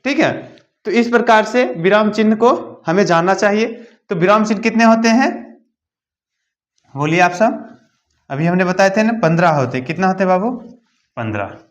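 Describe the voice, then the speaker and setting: A man's voice: high-pitched, animated, moderate pace, dull audio. A man teaching a grammar lesson, asking his students questions and answering them himself, stressing key points by repeating them. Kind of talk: explanatory classroom lesson.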